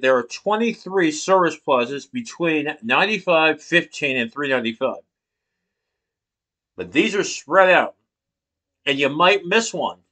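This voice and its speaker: A fairly high-pitched, bright and forceful male voice belongs to a man in his thirties giving a persuasive class speech, partly read from notes. He speaks into a laptop webcam from below in a small room, asking rhetorical questions and gesturing emphatically with his hands.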